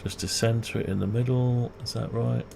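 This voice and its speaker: This video creator talks through a CAD design demo in a mid-range voice with vocal fry, at a normal speed. Unscripted, he mutters to himself and second-guesses his choices aloud. Keyboard clicks and a constant background hum are audible.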